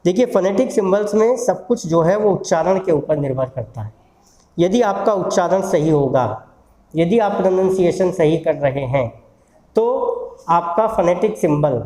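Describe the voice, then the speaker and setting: A teacher with a mellow, middle-pitched voice leads a recorded lesson on phonetic symbols, saying each example word slowly and more than once. The sound carries a roomy echo. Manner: repeats words slowly to model pronunciation. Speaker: English teacher at a law institute.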